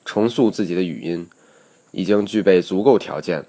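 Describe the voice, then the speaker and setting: A man's voice: low voice, warm tone. A man narrating a scripted pronunciation lesson, explaining step by step and reading example sentences aloud. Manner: measured, explanatory, reads English examples aloud. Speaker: English pronunciation teacher.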